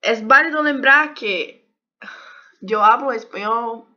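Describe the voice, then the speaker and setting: A young Brazilian woman, a native Portuguese speaker and health sciences YouTuber, gives a casual video lesson in a second language, hesitating and searching for words. Her voice is on the high side with a sharp tone, and she takes it slowly. The recording has a dull lo-fi sound.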